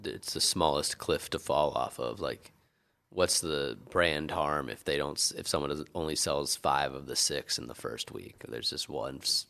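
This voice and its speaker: An extremely deep-voiced man with a hint of a Chicago accent trades dry, sardonic jokes in a relaxed podcast chat. His humor is wry, and he often laughs along with his own remarks. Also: normal speed, vocal fry. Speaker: podcast co-host. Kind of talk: casual chat.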